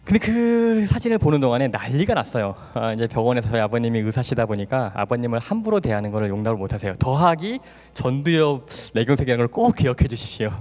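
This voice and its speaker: A man's voice: mid-range voice, very animated, quick pace, hardly any pauses, a little mellow. A middle-aged man, a doctor, giving a testimony talk at a church camp, acting out family dialogue with laughter. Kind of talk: sermon testimony. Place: large hall at a church camp. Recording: long hall reverb.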